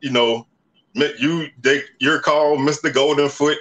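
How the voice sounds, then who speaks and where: A man's voice: on the high side, fairly even intonation, measured pace, a bit bright. A man hosting a casual talk show over a video call, chatty and laid-back with lots of fillers. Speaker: show host. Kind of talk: casual interview.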